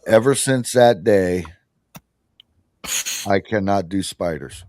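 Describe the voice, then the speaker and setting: A man with a fairly low voice spins a long story for his podcast in easy, casual chat. He stops and restarts himself and laughs along the way. The sound is dry and close, with no room around it. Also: takes it slowly, a little mellow, no echo. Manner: rambling, self-interrupting storyteller who laughs often. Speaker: podcast host.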